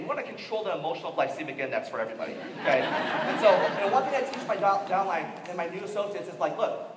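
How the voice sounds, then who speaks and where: A man giving an animated motivational training talk to a room, acting out the people he quotes. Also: sits high, a little hiss or hum. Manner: animated, quick-talking, acts out quoted people. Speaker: network marketing trainer. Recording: echoey hall from far off.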